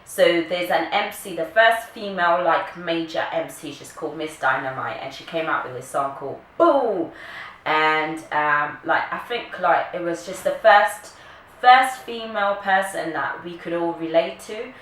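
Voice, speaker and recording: This vlogger's voice is fairly low, expressive and a bit bright, and she talks a little slowly. In her early thirties, from Kenya and later the UK, she chats to camera casually and playfully. An echoey room, a distant mic and faint noise mark the recording.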